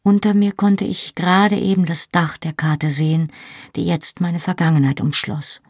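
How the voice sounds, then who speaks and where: A woman reading a novel aloud in the first person, measured and expressive. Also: fairly low pitch, slightly rough, no echo, clean studio sound. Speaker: audiobook narrator.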